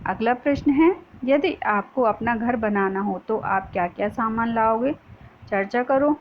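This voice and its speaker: A woman teacher explaining a school lesson to young pupils, patient, often asking a question and then answering it herself. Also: on the high side. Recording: dull lo-fi sound with faint noise.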